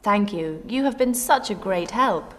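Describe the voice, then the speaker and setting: A woman's voice: medium pitch, lively intonation, unhurried, natural voice. An actress playing a polite female tourist in a scripted dialogue.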